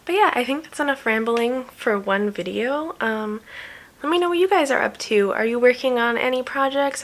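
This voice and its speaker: A woman's voice: on the high side, fairly bright tone. A woman hosting a knitting video podcast, chatting casually to the camera in a rambling way with little laughs.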